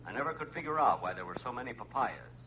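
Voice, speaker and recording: An actor playing a castaway who narrates his island adventure in a deadpan radio comedy style. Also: medium pitch, fast, very noisy, close to an everyday voice. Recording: muffled old radio, loud audience.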